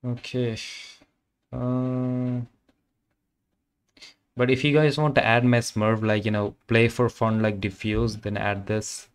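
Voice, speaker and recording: A young man from Kerala, Malayalam-speaking by birth and Indian-accented, chats informally with viewers on his game stream, his phrasing loose and full of fillers. His medium-pitched voice is smooth and level, slow, with frequent pauses, captured on a condenser microphone.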